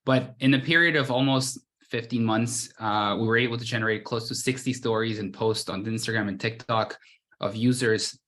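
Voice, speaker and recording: A man's voice: medium pitch, steady tone, moderate pace, pushed and bright. A man from Guatemala, a brand founder, giving a casual conference presentation over a video call, with frequent restarts and fillers.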